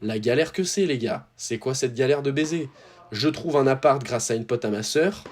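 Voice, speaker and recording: A man's voice: mid-range voice, lively intonation, normal speed. Young French guy, casual vlogger, loose rambling slang delivery, mid-range voice. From France. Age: young adult. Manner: slangy, rambling, with many fillers and restarts. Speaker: tennis YouTuber. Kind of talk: casual storytelling to viewers.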